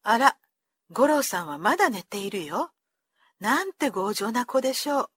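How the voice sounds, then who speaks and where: A woman voicing a stern middle-aged mother who mutters to herself about her stubborn son in a low, hushed voice. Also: very animated, moderate pace, husky, exaggerated voice. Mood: exasperated.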